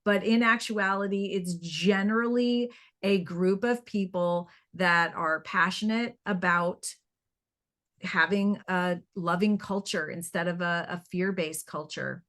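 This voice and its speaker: A woman's voice: fairly low pitch, unhurried. A middle-aged woman, a nonprofit founder being interviewed, talking earnestly and acting out little scenes of dialogue. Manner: animated, acts out quoted dialogue. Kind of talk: conversational interview storytelling.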